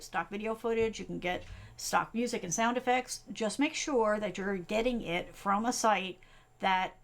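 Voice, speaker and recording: A middle-aged woman from the US East Coast hosts a live tutorial stream as a tech coach. She talks quickly and conversationally, scattering fillers and "right?" checks through her points. Her voice sits at a middle pitch. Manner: fast, chatty, many fillers and tag questions.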